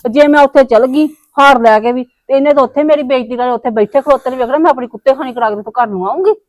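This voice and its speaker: A woman with a high voice who talks fast and pleads in a worked-up, complaining way. The sound is dry and close. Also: no echo, dull audio. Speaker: daughter in family drama. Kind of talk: casual Punjabi family vlog acting.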